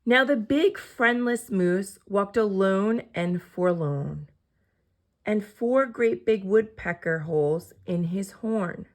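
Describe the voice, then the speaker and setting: Slow and mid-range in pitch, a woman's voice brings a children's picture book to life as she reads it aloud with expressive storytelling.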